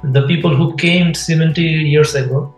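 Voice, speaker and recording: Hesitant interviewer in an echoey room. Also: male voice, on the high side, steady tone, moderate pace, faint music behind. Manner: hesitant, restarts often, non-native English. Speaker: host. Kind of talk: video call interview. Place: room at home. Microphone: webcam on video call.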